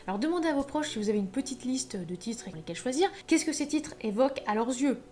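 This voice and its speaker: A chatty woman gives writing advice in a loose, animated way, peppering her talk with little fillers and asides. Her voice sits a bit high for a woman. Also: quick pace. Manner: chatty, animated, many fillers like hein and bah. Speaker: author giving writing advice. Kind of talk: casual advice video.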